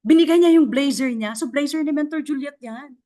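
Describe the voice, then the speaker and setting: A woman from the Philippines, a mentor telling her success story in a casual, encouraging talk to an online audience. She speaks directly to listeners in a halting way, with many fillers and restarts. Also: high-pitched, dark tone. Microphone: off camera, online session mic.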